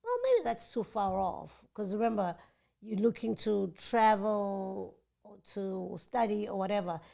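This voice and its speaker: A woman's voice: medium pitch, expressive, unhurried, gravelly, dark tone. A young woman with a South African accent, co-hosting a podcast in casual chat and often talking over her partner. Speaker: podcast co-host.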